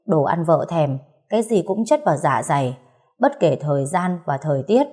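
A woman narrating a romance story as an audiobook reader, in a calm, steady way. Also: low-pitched, normal speed, slightly rough. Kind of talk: scripted narration.

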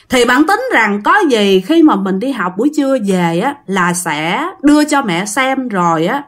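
A woman with a Southern Vietnamese accent narrates a ghost story in a chatty way, talking straight to her listeners. Her voice sits fairly high and moves around a lot. She sounds casual and conversational. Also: fairly bright tone. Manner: chatty, talks directly to listeners.

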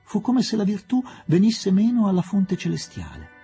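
Narratore espressivo dalla voce calda. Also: male voice, sits high, huge pitch swings, normal speed, mellow, faint music behind. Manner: dramatic, varied delivery. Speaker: audiobook reader. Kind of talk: expressive literary narration.

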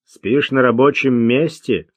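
Calm commanding man, curt and unhurried, as a male reader puts him on. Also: mid-range voice, no echo, natural voice. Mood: calm, stern.

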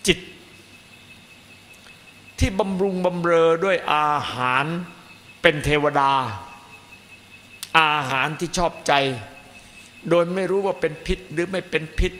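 A man's voice: high voice, steady tone, a little slow, long pauses, bright, forceful tone. A man, a Buddhist monk teacher, giving a dharma talk and stressing points by piling up repeated phrases. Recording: echoey hall, faint noise.

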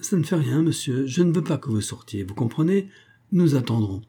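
A frightened young baroness pleads and commands in a high, insistent voice, as a man reads her lines. The tone underneath stays dark and husky, like an audiobook reading of a period story. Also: expressive, normal speed. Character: frightened young noblewoman, baroness, bossy in panic.

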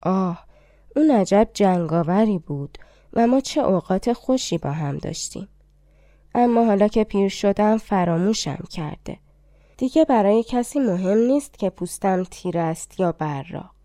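A woman voicing an old, tired but loyal male war horse who speaks gently and courteously. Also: medium pitch, animated, no room sound, studio quality, close to an everyday voice. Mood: gentle.

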